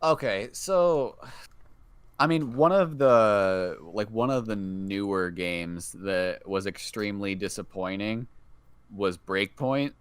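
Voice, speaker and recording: A man with a lowish, smooth and resonant voice talks through video games as a podcast co-host. He rambles enthusiastically, stacking fillers as he works out his point. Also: slow, dry recording. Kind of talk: casual gaming chat.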